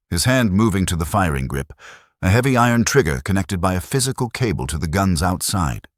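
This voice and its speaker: In a low voice, a man narrates a science fiction audiobook with dramatic storytelling flair. The scripted reading has clean studio sound with no echo.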